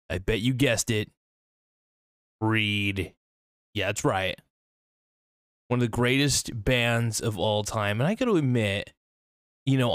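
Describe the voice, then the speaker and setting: A man's voice: on the low side, no echo, studio quality. A man hosting a podcast, talking in a sarcastic, mock-boastful monologue that rambles with hesitant fillers, sitting at a computer. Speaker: podcast host. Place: at a computer, screen-sharing.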